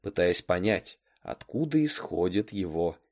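Man reading a story, very lively intonation. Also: low voice, unhurried. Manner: animated, dramatic storytelling. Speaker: story reader. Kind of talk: expressive storybook narration.

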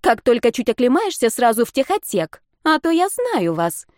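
A woman's voice: fairly high pitch, big pitch swings, normal speed, a little mellow, no room sound, clean studio sound, voice pushed up. Woman doing a stern, scolding ship engineer. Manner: scolding, bossy.

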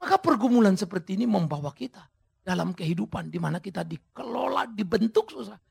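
A male pastor preaching a sermon with dramatic, sudden shouted emphases, speaking straight to his congregation. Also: high-pitched, very animated, quick pace, vocal fry, husky. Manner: addresses the congregation directly.

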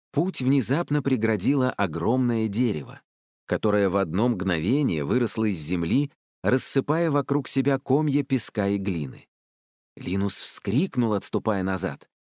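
Male audiobook narrator, lively pitch, dry close recording. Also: no echo. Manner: expressive, varied.

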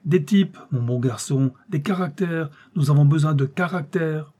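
A man reading aloud who voices a cruel, boisterous tyrant king with loud, mocking commands. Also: on the high side, normal speed, husky, pitched above the performer's own voice. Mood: jovial mocking.

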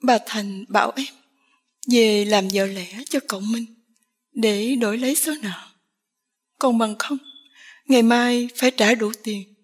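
A woman voicing a tearful young village woman pleading with the man she loves, with a slow, breathy delivery. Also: fairly high pitch, fairly even intonation. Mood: sad tearful.

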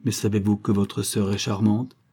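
A man's voice: lowish voice, flat delivery, normal speed, warm tone, husky. A man voicing a vain, showy young Parisian man who declaims poetry in a self-satisfied, half-mocking manner. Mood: gallant.

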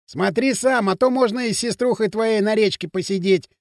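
Timid chubby teen boy, hesitant and nervous, high voice, dry sound; male narrator voicing. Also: normal speed, no room sound. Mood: flustered. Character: chubby timid teenage boy, easily scared. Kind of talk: audiobook character voice.

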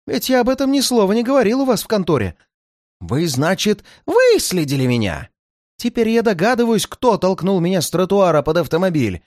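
A reader voicing a hot-tempered, frightened male hotel guest who shouts indignantly in a high, strained voice, in a storybook reading. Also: huge pitch swings, brisk, no room sound, studio quality. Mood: agitated.

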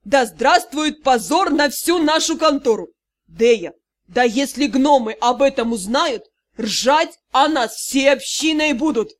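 A loud, exasperated young gnome man , read by a woman, rants and scolds with theatrical indignation. The pitch sits fairly high for a man, as a woman's audiobook voice stretches down to him. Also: lively intonation, slow. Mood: scolding. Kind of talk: audiobook character reading.

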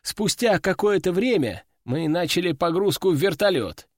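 A man narrating an audiobook in the first person, lively storytelling. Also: high voice, normal speed, dry recording, clean studio sound. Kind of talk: scripted narration.

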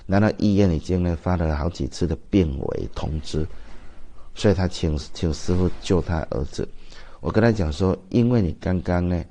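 A man's voice: deep voice, normal speed, dark tone. A man with a Taiwanese Mandarin accent, a Buddhist master giving a dharma talk, telling stories and asking the audience rhetorical questions.

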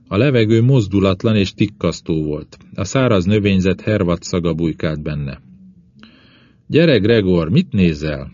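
A man narrating an audiobook in the first person, with measured, descriptive reading. His voice is very low and deep. The recording is dry and dull, with no room sound. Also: dark tone, no echo.

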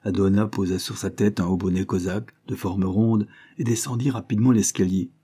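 A man narrating a classic novel as an audiobook in a steady, measured reading. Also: fairly low pitch, husky.

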